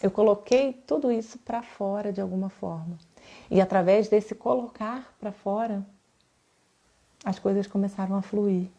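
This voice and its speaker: A woman's voice: medium pitch, normal speed, warm tone. A woman with a Brazilian Portuguese accent who teaches bath therapy. She gives a live class in a chatty way, uses personal examples and often checks in with her audience. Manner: conversational, with frequent tag questions to the audience.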